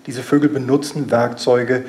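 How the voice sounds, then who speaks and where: Man lecturing in a medium-pitched voice. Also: flat delivery, normal speed, a little mellow. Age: 30s. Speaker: scientist giving a lecture. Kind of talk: public lecture explaining a video. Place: lecture hall with seated audience.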